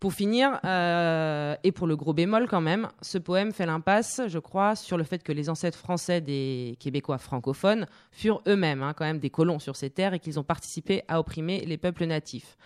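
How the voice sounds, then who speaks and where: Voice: mid-range voice, normal speed, hardly any pauses, smooth. A radio host introducing a poem in a casual, hesitant way, with many fillers and restarts.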